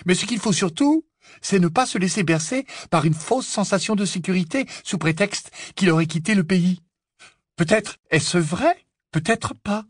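A man voicing a young male joker on a secret radio show, mock-serious and playful, slightly husky, in an audiobook. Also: high voice, moderate pace, dry recording, clean studio sound, pitched above the performer's own voice. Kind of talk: audiobook character voice.

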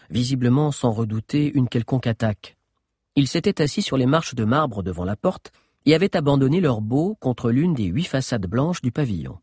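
A man narrating an adventure audiobook in an expressive storytelling manner. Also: medium pitch, slightly rough, no echo, studio quality.

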